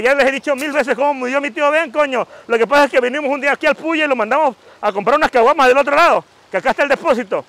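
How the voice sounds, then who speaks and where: A man's voice: very high voice, a bit bright. A man voicing a brash, foul-mouthed comic superhero, answering fan questions in a crude, mocking vlog outdoors by a river. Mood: loud, rowdy. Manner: crude, mocking, full of insults and slang.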